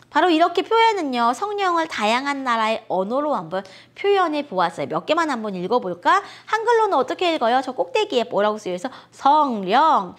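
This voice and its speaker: A woman teaching a children's worship lesson, talking to kids in a bright, sing-song teacher voice. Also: high voice.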